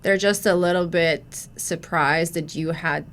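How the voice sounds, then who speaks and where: Speaking English with a fairly bright tone, a Croatian podcast guest in her thirties shares casual stories a little slowly. Her pitch is lowish and her intonation fairly even, and her chatty delivery is peppered with restarts and "you know" fillers.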